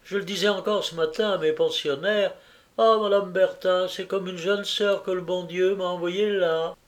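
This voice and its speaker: A chattering, kindly older landlady who gushes in a lifted, higher voice, piling one exclamation on another, as a male reader puts her on. Breathless and effusive in her fussing. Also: steady tone, normal speed, close to an everyday voice. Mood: gushing joy. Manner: breathless, gushing, full of exclamations.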